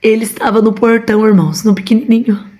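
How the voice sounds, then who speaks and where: A woman's voice: on the high side, steady tone, quick pace, warm tone. Fervent Brazilian woman preacher. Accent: Brazilian Portuguese. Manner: fervent, repeatedly addresses listeners as brothers. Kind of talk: emotional testimony to a congregation.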